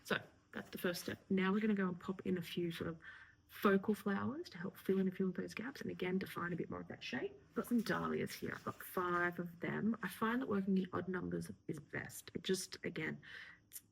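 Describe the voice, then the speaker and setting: A woman florist talks viewers through her work in a relaxed, encouraging way. Her voice has a gravelly edge, and she often slips into a half-whisper mid-task. Faint noise sits under the recording. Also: on the low side, brisk, poor audio. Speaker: florist teaching a tutorial. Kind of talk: casual instructional talk while working.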